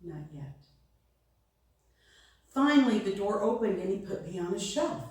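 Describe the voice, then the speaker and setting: A woman reading a devotional story aloud in a gentle storytelling manner. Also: mid-range voice, expressive, fairly quick, heavy reverb, recorded from a distance. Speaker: devotional reader. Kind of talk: slow read-aloud devotion.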